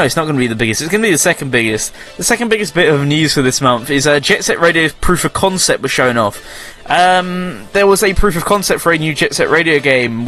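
A man with a bright, forceful, fairly high voice hosts a casual radio news roundup. He rambles, corrects himself mid-sentence and slips in dry sarcastic jokes. Faint music plays behind him. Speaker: radio show host.

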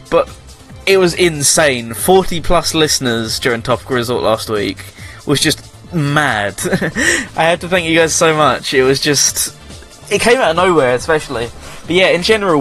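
A man's voice: a little high, a bit bright. A man hosting a radio show, chatting casually through a news roundup, rambling, correcting himself and joking sarcastically.

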